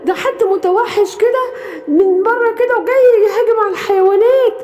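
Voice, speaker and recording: A woman's voice: very high voice, a little fast, darkish tone, echoey room, pitched above the performer's own voice. A woman with an Egyptian accent voicing a frightened female gazelle spreading alarming news in a cartoon story. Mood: alarmed. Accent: Egyptian Arabic. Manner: breathless, alarmed.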